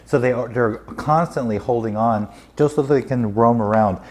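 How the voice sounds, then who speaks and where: A man with a mellow, warm tone and a middling pitch talks as a dog trainer. He patiently walks a dog's owner through the training steps in an instructive way. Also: moderate pace.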